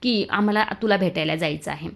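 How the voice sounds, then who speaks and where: A woman's voice: fairly low pitch, a little fast, gravelly. Woman narrator doing an evasive, playful young husband.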